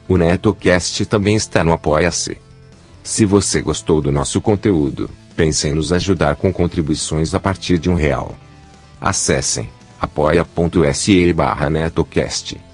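A very low male voice from an old-style speech synthesizer reads scripted news with a Brazilian accent. The delivery is mechanical and announcer-like. The tone is husky, with soft music underneath. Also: a little slow. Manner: mechanical, evenly read announcements. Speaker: podcast news bulletin announcer.

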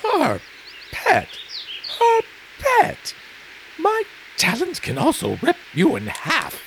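A man's voice: on the high side, wildly swooping pitch, slow pace, a little hiss or hum, heavily acted. A man voicing a proud, prickly talking owl in an audio drama, haughty and scornful. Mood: indignant. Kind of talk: dramatic audio fiction acting. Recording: clear birdsong and outdoor ambience behind. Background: birdsong, outdoor ambience.

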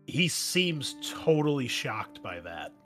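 A man acting as game master, describing the scene and reading battle narration aloud at a measured, steady pace. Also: medium pitch. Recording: music playing underneath.

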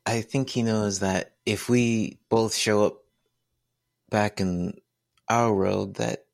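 A man playing a tabletop game, chatty and casual, asking quick questions. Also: lowish voice, vocal fry. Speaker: player.

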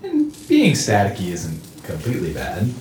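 A man's voice: low-pitched, huge pitch swings, normal speed, over music. A man playing a laid-back, bodiless, staticky figure who talks in casual slang. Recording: roomy echo with faint hiss.

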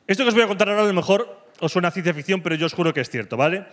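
Rapid-fire and high-voiced, this Spaniard does stand-up built on provocative dark jokes, his delivery swinging between feigned calm and loud outbursts.

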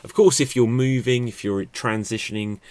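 A man's voice: mid-range voice, steady tone, moderate pace, darkish tone, no echo. A man hosting a podcast, explaining improv stagecraft in a chatty, off-the-cuff way. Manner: chatty, thinks aloud with fillers and restarts. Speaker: podcast host teaching improv. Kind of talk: unscripted instructional talk. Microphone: podcast microphone.

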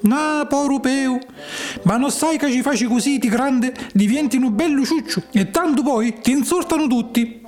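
A man voicing a calm, patient talking cricket over a hundred years old, lecturing slowly. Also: very high-pitched, faint music behind, pitched above the performer's own voice.

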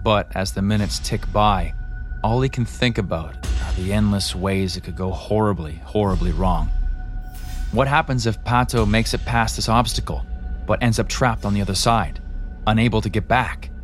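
A man with a fairly low voice delivers scripted, suspenseful narration in a measured way. His pacing builds tension line by line. Quiet music plays faintly underneath. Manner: measured, tense storytelling. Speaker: podcast narrator.

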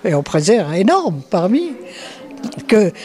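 A woman in her nineties answering interview questions slowly and thoughtfully, with pauses and restarts. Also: mid-range voice, big pitch swings, dark tone. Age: 90s. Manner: slow, thoughtful, with hesitations and restarts.

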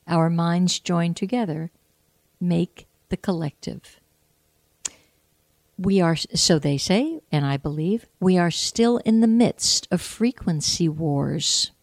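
A woman hosting a spiritual, inspirational talk, speaking in an earnest, heartfelt and measured way. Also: on the low side, a little mellow, dry recording. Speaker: host.

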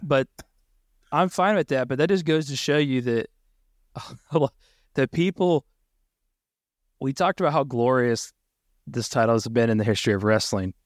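Male co-host, mid-pitched, dry close mic, eager and chatty. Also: normal speed, long pauses, no room sound. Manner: enthusiastic, reads out title history. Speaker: podcast co-host. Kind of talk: casual podcast chat.

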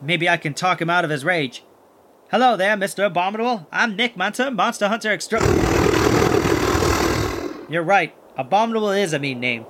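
Over heavy background noise, a man with a high voice speaks at a moderate pace with frequent pauses, sounding awed and nervous. He's narrating and acting as a plucky, kindhearted, wisecracking monster hunter in a kids' audio adventure. Folksy exclamations and lively chatter with his sidekick fill his delivery.

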